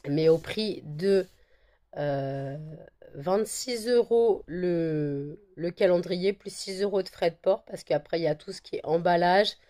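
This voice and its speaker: A woman with a cold talks loosely to her viewers, hoarse and croaky, with a low, mellow voice. She circles back over her words with plenty of fillers. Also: measured pace. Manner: rambling, many fillers and repeated words; coos at her dogs in a high sing-song. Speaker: vlogger selling handmade candles and wax melts. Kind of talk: casual chat to camera.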